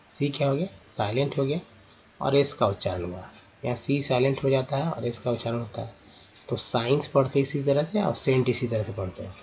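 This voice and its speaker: A man's voice: medium pitch, a little mellow. A man teaching English pronunciation, explaining step by step, repeating words and correcting himself as he goes. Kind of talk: explanatory lesson.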